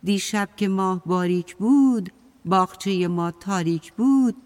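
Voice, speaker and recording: A bad-tempered apple tree snaps and scolds in sing-song rhymes, voiced by a woman telling a children's tale. Soft music plays underneath. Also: medium pitch, long reverb tail, close to an everyday voice. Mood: angry. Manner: scolding, rhyming chant. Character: grumpy angry apple tree, shouting.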